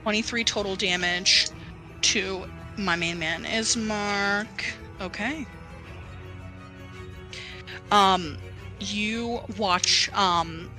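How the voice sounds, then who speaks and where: A woman's voice: medium pitch, sharp tone. A woman game master narrating a tabletop game in a casual, playful, colloquial and sweary way. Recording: music playing behind the voice.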